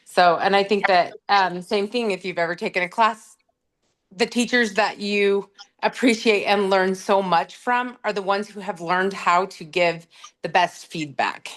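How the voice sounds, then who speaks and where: Thoughtful woman guest, halting speech. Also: medium pitch, steady tone, a bit bright. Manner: halting, thoughtful, with many fillers. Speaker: guest, teacher. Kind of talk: casual podcast chat.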